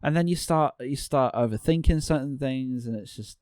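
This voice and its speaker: A man talks loosely on a podcast, circling his point with restarts and fillers, his pitch sitting in an ordinary middle range. The sound is dry and close, with no room around it. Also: moderate pace, darkish tone, clean tone, no echo. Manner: rambling, many restarts and "like". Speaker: podcast guest, animator. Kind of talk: casual podcast chat.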